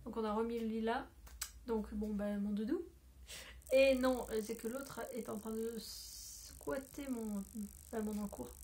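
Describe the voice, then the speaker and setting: A woman's voice: on the high side, steady tone, a little slow, darkish tone, a little hiss or hum. A woman talking casually to her phone camera at home as a knitting podcaster, rambling with many fillers and self-corrections. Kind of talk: casual video chat. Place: at home, indoors.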